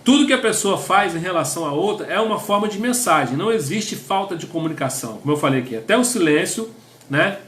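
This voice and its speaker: Expressive and quick, a middle-aged Brazilian pastor's high, slightly bright voice bounces around an echoey room as he teaches couples. He speaks with a Brazilian Portuguese accent in a conversational sermon, reading definitions aloud and tagging lines with a questioning "né?".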